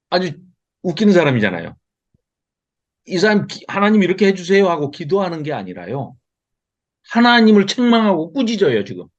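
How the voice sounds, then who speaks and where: Male Bible teacher on a video call, lively pitch, fairly high voice, dull lo-fi audio, quizzes his class. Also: breathy edge. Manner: lively and expressive, chuckles often, asks the class questions. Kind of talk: online Bible lecture.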